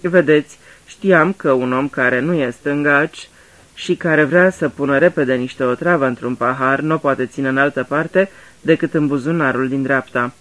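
A man's voice: mid-range voice, fairly bright tone, close to an everyday voice. A man voicing Poirot, a fussy, courteous older detective, in a radio drama reading, talking patiently like a teacher. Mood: patient explaining. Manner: polite, patient, explaining like a teacher.

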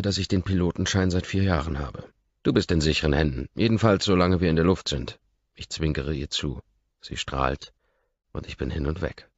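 Super deep guy reading an audiobook, slow and steady, kinda muffled dry sound. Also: no room sound. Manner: calm, measured reading, dropping to a murmur. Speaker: audiobook narrator. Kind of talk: scripted first-person narration.

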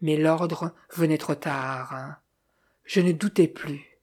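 Woman audiobook narrator, low and husky, measured first-person crime story reading. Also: fairly even intonation, a little mellow. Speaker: audiobook reader.

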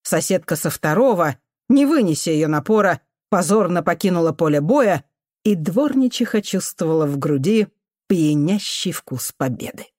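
A woman narrates a novel with a lively, expressive voice that moves freely up and down. Her delivery is measured storytelling. The recording is dry and close, with no room sound. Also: on the low side, dry recording. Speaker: audiobook reader. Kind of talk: scripted narration.

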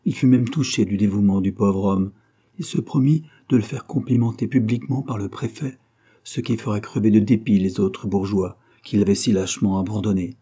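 A man reads a classic novel aloud in measured, expressive audiobook narration. His voice is low, dark and husky.

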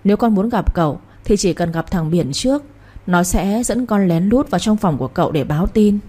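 A woman's voice: medium pitch, animated, fairly quick, mellow, husky. A woman voicing a terrified young man who begs desperately for mercy. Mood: fearful. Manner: pleading, desperate.

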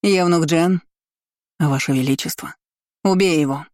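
An imperious, scheming empress of middle years who sneers and barks orders at her servants, as a male narrator puts her on. The tone is mellow and the sound dry and close. Heard in an audiobook reading. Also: a little high, measured pace, dry recording, close to an everyday voice. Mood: commanding. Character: spiteful scheming middle-aged empress, woman.

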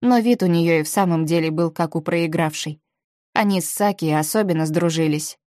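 A woman with a low voice reads a first-person novel aloud in measured, even storytelling. The sound is close and dry, with no room around it. She keeps a steady audiobook pace through the narration. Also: no room sound.

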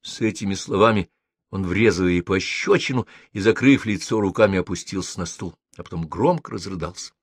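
A man's voice: low-pitched, a little fast, slightly rough, no echo. A man reading a novel aloud as narrator, wry and ironic. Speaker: audiobook narrator. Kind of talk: literary audiobook reading.

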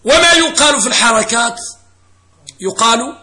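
High, sharp-voiced male grammar teacher. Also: lively intonation, moderate pace. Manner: quizzes students and repeats key phrases. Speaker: religious teacher. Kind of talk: classroom grammar lesson.

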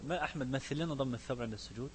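Egyptian sheikh, brisk classroom teacher, reads classical text then explains in dialect, faint hum. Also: male voice, medium pitch. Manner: mixes classical recitation with Egyptian colloquial asides, quizzes students. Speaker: sheikh teaching a fiqh book. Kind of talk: religious lesson to students.

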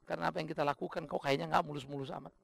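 A middle-aged Indonesian man preaching a sermon, swinging from loud emphatic bursts to low, confiding asides. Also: fairly even intonation, very fast, creaky. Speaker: pastor.

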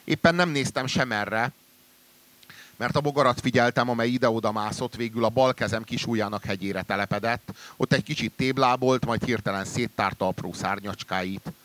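Man, mid pitch, measured literary reading, dry close sound. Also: no room sound. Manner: measured, dropping low and quiet at sentence ends. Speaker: reader.

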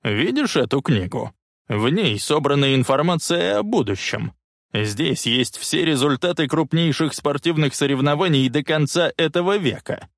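A man voicing a wheezing, cranky old man who talks in a bossy, insistent way and turns shrill when angry. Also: animated, normal speed, vocal fry, dry recording, clean studio sound.

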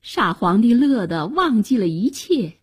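A woman reading a children's story for radio, in a slow, expressive and lively storytelling manner. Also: on the high side, slightly rough. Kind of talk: scripted story narration for radio.

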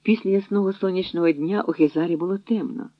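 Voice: medium pitch, fast talker, no room sound. Narrator reading over a tinny line. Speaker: audiobook narrator. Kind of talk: dramatic audiobook narration. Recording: dry, tinny phone-like audio.

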